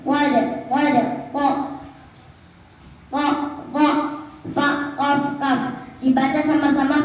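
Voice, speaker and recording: A woman's voice: high-pitched, darkish tone. A woman reciting memorized Quranic reading rules for an oral exam, chanting lists of letters in a sing-song rhythm. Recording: echoey distant lo-fi room recording.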